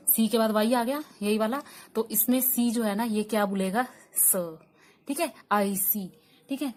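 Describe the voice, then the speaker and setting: A woman's voice: medium pitch, a little mellow. Woman teaching, spelling words out. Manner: explains patiently, spells words out letter by letter, repeats "ठीक है" often. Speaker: English teacher. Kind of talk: online pronunciation lesson.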